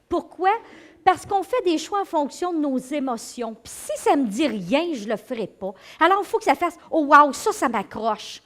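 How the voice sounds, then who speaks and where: A middle-aged woman with a Québécois accent gives an animated talk as a psychologist, addressing her audience directly and acting out inner voices. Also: high-pitched. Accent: Québécois French. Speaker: psychologist and speaker giving a talk. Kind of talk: lively lecture to an audience.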